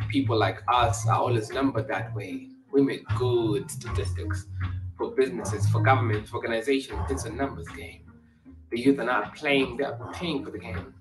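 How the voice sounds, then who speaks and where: A man from Kenya performs spoken word poetry from a room indoors. His delivery is measured and rhythmic, and his voice is mid-pitched. Clear background music plays under the words. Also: low-quality recording.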